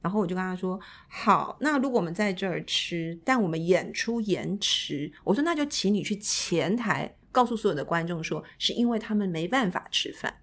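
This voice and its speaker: A woman's voice: lowish voice, lively intonation, normal speed, few pauses. A woman from Taiwan, a guest arts administrator telling a story animatedly and acting out the people in it. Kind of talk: casual podcast storytelling.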